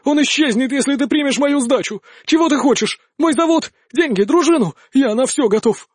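A man voicing an arrogant, cowardly noble duelist in an audiobook, shouting, bragging and begging by turns. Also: extremely high pitch, expressive, moderate pace, no echo, studio quality, voice pushed up. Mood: pleading. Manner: shouting, boastful then pleading. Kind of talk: audiobook character voice.

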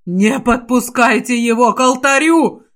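A woman's voice: fairly high pitch, a little slow, fairly bright tone. A woman doing a shrieking panicked demon lord. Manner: voice cracking into a shriek.

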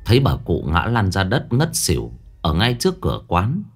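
Low-voiced man telling a ghost story. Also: normal speed. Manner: lively, dramatic storytelling. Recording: faint background music.

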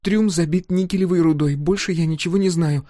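A man's voice: a little high, steady tone, brisk, dark tone, no echo, studio quality, pitched above the performer's own voice, lightly acted. A man playing a defiant young woman pilot. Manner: defiant, spitting insults. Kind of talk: audiobook character voice.

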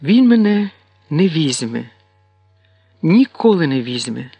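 A proud young village woman hurls out tense, heated words, as a male reader puts her on. The delivery is unhurried, and the recording is close and dry. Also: a little high, very animated, husky, no echo, muffled recording, soft background music, full character voice. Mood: defiant.

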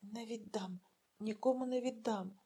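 Жінка озвучує змучену вагітну селянку. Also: female voice, on the high side, normal speed, mellow, slightly rough. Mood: whispered prayer. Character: exhausted pregnant village woman, frightened.

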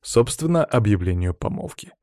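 A man narrating an audiobook in a measured, even way. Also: mid-range voice, gravelly, dry recording, clean studio sound. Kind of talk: audiobook reading.

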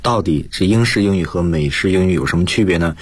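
A male teacher walks through English words and grammar in a radio studio. His voice is deep and husky. He drops English terms into his Mandarin explanations in a patient, explanatory way. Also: quick pace, no room sound. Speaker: guest lecturer, school principal.

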